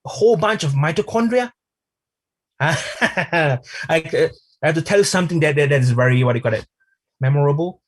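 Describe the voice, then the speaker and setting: A man's voice: a little high, lively intonation, moderate pace. A man giving a live online product training, chatty and speaking to the viewers as friends.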